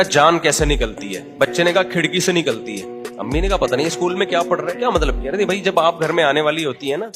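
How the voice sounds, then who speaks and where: A man giving a humorous religious talk, telling anecdotes and acting out the voices of the people in them. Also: fairly high pitch. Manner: animated storytelling, acts out voices. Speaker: religious speaker. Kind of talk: humorous sermon.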